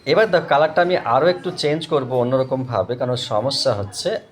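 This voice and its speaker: A man teaching English grammar to students, spelling out words and often checking "okay?". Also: mid-range voice. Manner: slow, repeats and spells out words, asks "okay?". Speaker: English tutor.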